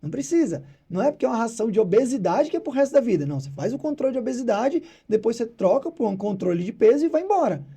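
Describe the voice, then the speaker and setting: A man from Brazil tells a vet's stories in a casual interview and slips into his clients' voices. He speaks quickly in a deep, very dark and husky voice. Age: adult with children. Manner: animated, acts out clients' voices. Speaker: veterinarian guest.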